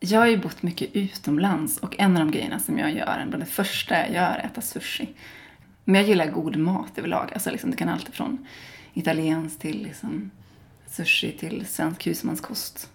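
A woman from Sweden answering interview questions in a relaxed, rambling way, full of small fillers. Her voice sits on the low side and has a gravelly, fry-laden edge. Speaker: interview guest. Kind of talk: casual interview conversation.

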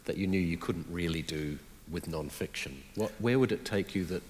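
A man with a very deep voice interviews an author, asking probing questions in an easy, conversational manner. His voice rings with a long reverb from the room. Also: moderate pace, darkish tone, slight background noise.

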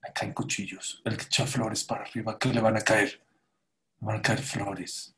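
This preacher, fairly low-pitched and speaking at a normal pace, fills his sermon with stories. He's a lively storyteller who performs the voices of the characters in them.

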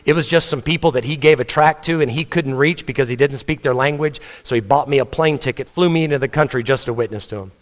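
A man's voice: medium pitch, quick pace, few pauses. A man preaching a sermon, telling stories and putting questions to the congregation. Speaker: pastor. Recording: reverberant church hall.

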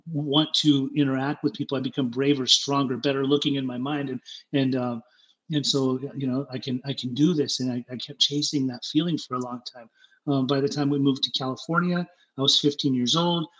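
This interview guest, a middle-aged man of German birth raised in Utah, speaks in a mid-range voice over a rough recording. He shares his story candidly but haltingly, repeating himself and livening up as he replays moments.

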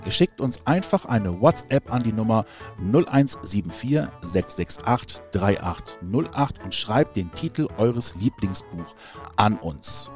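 A man's voice: on the low side, darkish tone. Man announcing over faint music. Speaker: club media host. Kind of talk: scripted announcement.

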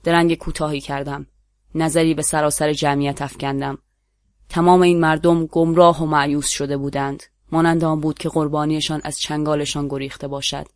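Measured Persian storyteller, dry close sound. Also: medium pitch, level tone, dry recording. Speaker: narrator. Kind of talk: literary story reading.

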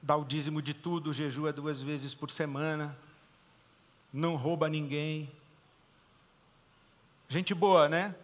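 A man with a Brazilian Portuguese accent preaching a sermon as pastor, swinging between loud emphatic declarations and quiet, hushed pauses. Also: a little high, steady tone, big-room sound.

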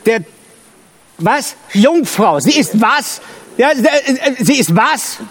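An actor playing a needling, stubborn old comedian who keeps repeating himself. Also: male voice, very high voice, very animated, slow pace, fairly bright tone, a little hiss or hum, full character voice. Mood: sly. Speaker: comedian partner. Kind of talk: film dub.

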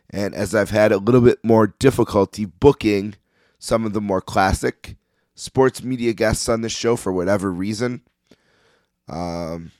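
A man hosting a sports podcast in a casual, opinionated monologue, his voice slightly hoarse as if he is losing it. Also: fairly low pitch, dry recording, clean studio sound. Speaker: podcast host.

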